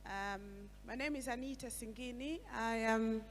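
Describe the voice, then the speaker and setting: A woman's voice: fairly high pitch, moderate pace, soft background music. Hesitant woman speaking in an echoing hall. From Malawi. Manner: hesitant, many ums. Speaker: guest speaker. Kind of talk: speech to an audience. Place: event venue hall. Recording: reverberant hall with faint hum.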